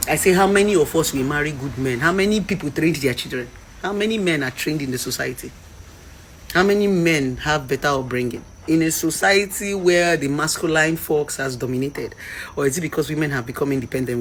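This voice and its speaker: A woman's voice: deep voice, slight background noise. A Nigerian woman in her thirties giving a passionate, preachy commentary rant. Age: 30s. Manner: impassioned, preachy, mixes in Pidgin. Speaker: vlogger.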